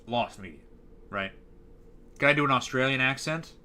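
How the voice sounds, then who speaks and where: A man's voice: medium pitch, moderate pace, bright, forceful tone. A young man chatting casually on a live stream, rambling and hesitant, with lots of fillers.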